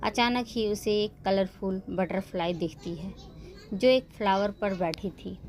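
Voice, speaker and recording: A woman's voice: medium pitch, unhurried, darkish tone. Woman narrating a romance story.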